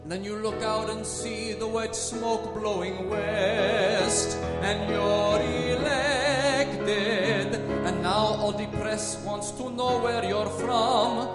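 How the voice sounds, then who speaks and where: A boastful new pope. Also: male voice, sits high, fairly even intonation. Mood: crooning. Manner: sung slowly and grandly. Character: newly elected pope, older man, boastful. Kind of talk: comic song parody sung live. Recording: echoey live hall with loud music.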